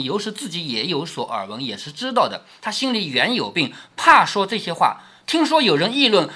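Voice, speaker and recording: A man retells a classic novel and stops to explain it, often posing rhetorical questions. His voice is bright and slightly husky. His pitch moves very expressively. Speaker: narrator and commentator reading a classic novel. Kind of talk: storytelling with commentary.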